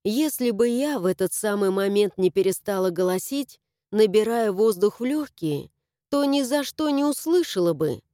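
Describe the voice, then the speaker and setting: Expressive woman reading an audiobook. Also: medium pitch, normal speed, no room sound, clean studio sound. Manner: lively, expressive storytelling. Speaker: audiobook narrator. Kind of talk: first-person audiobook narration.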